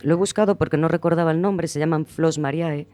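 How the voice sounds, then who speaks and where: A man's voice: a little high, fairly even intonation, a little fast, darkish tone. A man hosting a casual podcast chat, talking at length with many hesitations and fillers. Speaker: host.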